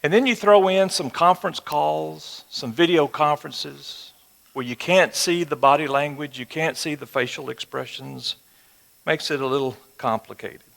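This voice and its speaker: An older man with a West Texas twang gives a Bible lesson in a folksy, conversational style. His voice is gravelly and creaky, and it rings through a reverberant hall. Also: fairly high pitch, normal speed, a bit bright. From West Texas, United States. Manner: folksy, conversational, with rhetorical check-in questions. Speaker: Bible teacher. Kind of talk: sermon-like Bible lesson to an audience. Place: large room or auditorium with a live audience. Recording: reverberant hall, amplified speech.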